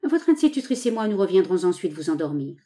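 An earnest, gallant gentleman speaks with reassuring composure, as a woman reading aloud gives him voice. The delivery is mellow and warm, like a storybook reading. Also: lowish voice, very animated, fast. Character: earnest gallant American man, protective and composed. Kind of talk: audiobook dialogue reading.

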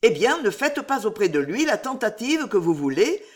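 Woman doing a calm colonel, measured, persuasive. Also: on the high side. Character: calm, reserved male colonel.

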